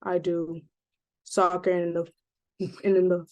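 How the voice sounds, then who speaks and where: A woman's voice: lowish voice, flat delivery, measured pace. A teenage girl student introducing herself, stumbling and correcting herself as she goes. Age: teens. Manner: hesitant, self-correcting. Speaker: student panelist.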